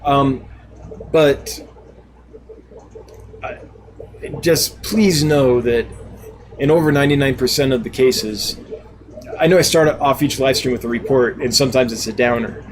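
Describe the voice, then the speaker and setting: A man's voice: medium pitch, unhurried, pauses often, a little hiss or hum, low-quality recording. A man hosting a casual live stream, reading out viewer comments and answering them in a chatty, laughing, self-deprecating way. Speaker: live stream host and fish seller.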